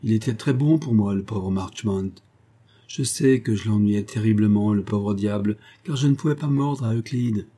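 A man voicing an eager, warm-hearted young English gentleman who speaks up earnestly for a friend. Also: fairly low pitch, normal speed, natural voice. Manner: earnest, indignant in defence of a friend. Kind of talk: audiobook character voice.

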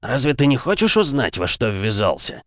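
A man's voice: medium pitch, very animated, moderate pace, fairly bright tone, no echo, studio quality, voice pushed up. A man voicing a gloating undead demon father who sneers and taunts his son.

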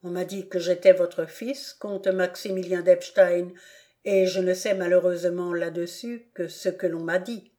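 A woman voicing a humiliated but dignified boy who answers his father softly in an audiobook. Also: fairly low pitch, steady tone, a little slow, natural voice. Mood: wounded dignity. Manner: soft, restrained replies.

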